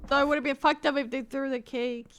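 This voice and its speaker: A woman streamer chatting casually as she reacts to clips, giggly and excitable. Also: high voice, fast talker, background noise. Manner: giggly and excitable, tells stories. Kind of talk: casual chat.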